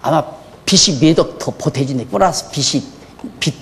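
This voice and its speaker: An older man preaching a sermon in a church, moving between quiet asides and fiery, shouted questions. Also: a little high, moderate pace, big-room sound, slight background noise. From Korea. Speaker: pastor. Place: church hall.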